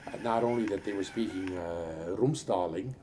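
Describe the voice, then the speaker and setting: Deep-voiced and older, this man from a Norwegian-speaking farm family in the upper Midwest gives halting, wandering memories with plenty of fillers in an oral history interview. Background noise is audible.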